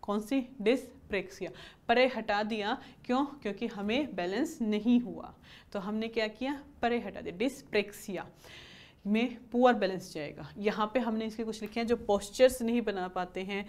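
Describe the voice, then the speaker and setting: A woman's voice: medium pitch, normal speed, darkish tone. A woman teaching an exam-prep lesson, repeating questions and answers to drill terms and mixing in English words. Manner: mixes English terms into Hindi explanations.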